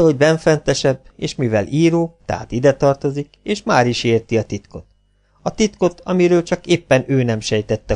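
A man reading a novel aloud, narrating in a lively, expressive way. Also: mid-range voice. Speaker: audiobook narrator.

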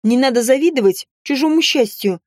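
A careless, self-centered young mother in an audiobook story, brushing things off in an offhand, dismissive way, as a woman narrator puts her on. The voice sits fairly high with a mellow tone. It is recorded close and dry. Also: lively intonation, a little fast, no echo. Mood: defiant. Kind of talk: audiobook character voicing.

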